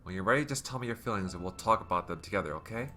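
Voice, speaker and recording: A man reading the quiet, soothing lines of a gentle teenage girl from a game. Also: lowish voice, lively intonation, rapid-fire, slight background noise. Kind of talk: reading game dialogue aloud.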